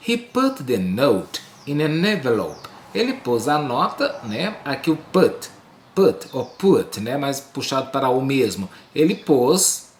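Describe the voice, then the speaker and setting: A man with a Brazilian Portuguese accent teaching an English lesson, slowly repeating and translating each phrase. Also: mid-range voice, roomy sound. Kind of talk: recorded online language lesson.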